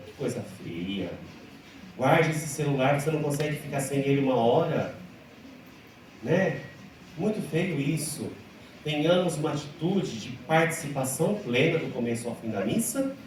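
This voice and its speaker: A man with a Brazilian Portuguese accent giving a liturgical music lecture, teasing and instructive, leading the audience through chanted examples. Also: fairly high pitch. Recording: echoey hall from far off, faint hum.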